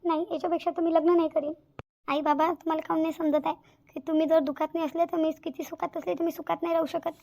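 A high, quick-talking young village bride in a cartoon. She is tearful and self-sacrificing, and insistently repeats herself. Her voice carries a gravelly edge and keeps to a narrow range. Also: level tone, warm tone. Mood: resolute. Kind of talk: cartoon voice acting.

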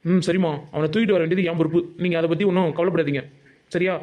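A man voicing a harsh, bullying middle-aged father in a cartoon, gruff and threatening. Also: high-pitched, steady tone, rapid-fire, highs cut off, close to an everyday voice. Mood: scheming. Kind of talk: Tamil cartoon voice acting.

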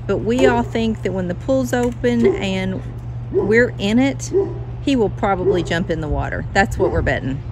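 A woman with lively intonation talks at a normal pace over some background noise. She's a vlogger chatting casually through a home tour, holding her phone at arm's length as she films outside on a patio and inside her house. She's chatty and speaks to her dog in a high, sing-song voice.

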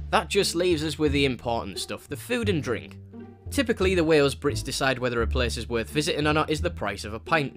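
Fairly high and fairly bright, this travel vlogger's voice carries a northeast English accent. The young man delivers a voice-over with cheeky jokes on top of a clearly audible music track.

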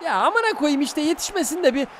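A man's voice: extremely high pitch, fast. Swearing young man streaming a football game. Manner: swearing, excitable, reacting loudly to play. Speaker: gaming streamer. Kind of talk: casual live-stream commentary while playing.

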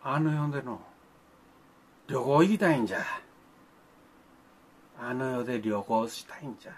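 A man's voice: mid-range voice, normal speed, husky. An older man, talking to children in a folksy, grandfatherly way, with old-fashioned speech and playful sound effects. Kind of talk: folksy monologue to the camera.

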